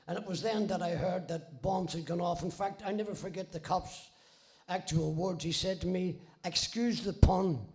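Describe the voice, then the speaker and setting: Gravelly high-voiced Northern Irish man. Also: normal speed, darkish tone. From Belfast, Northern Ireland. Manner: blunt, salty, swears freely, wry. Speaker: speaker telling his own story. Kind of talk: casual spoken storytelling.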